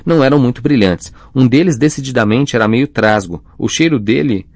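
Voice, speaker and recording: A man voicing a flustered teenage boy wizard who tells his story in a hurried, defensive way in an audiobook. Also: mid-range voice, a little mellow, no room sound, close to an everyday voice.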